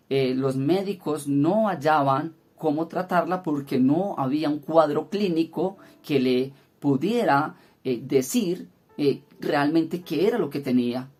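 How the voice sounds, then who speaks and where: A man's voice: a little high, a little mellow. Earnest man telling a prayer testimony. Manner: earnest storytelling, hesitant "eh" fillers. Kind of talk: spoken testimony teaching.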